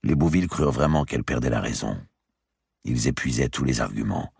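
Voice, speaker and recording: A man narrating a historical novel as an audiobook in a measured, expressive storytelling manner. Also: very deep voice, gravelly, husky, no room sound, clean studio sound.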